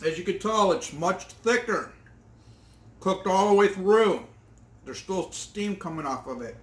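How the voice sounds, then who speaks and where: A man's voice: high voice, unhurried, reverberant. A man hosting an outdoor cooking vlog, tasting his fried fish with enthusiastic exclamations. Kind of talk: casual eating vlog.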